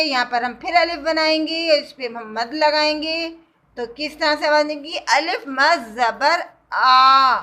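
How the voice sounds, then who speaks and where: High, bright-voiced woman teaching young children. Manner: slow, drawn-out syllables when reading letters aloud for children. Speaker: kindergarten Urdu teacher. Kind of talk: recorded children's lesson.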